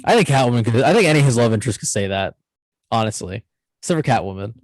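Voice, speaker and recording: A man's voice: mid-range voice, racing, no room sound, rough recording. A man hosting a casual chat about movies, rambling and correcting himself as he goes. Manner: rambling, self-correcting, animated. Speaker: channel host.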